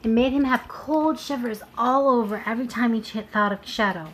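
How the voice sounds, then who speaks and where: A young woman reading a storybook aloud to her children, with gentle, chatty asides. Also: a little high, normal speed, slight background noise, low-quality recording.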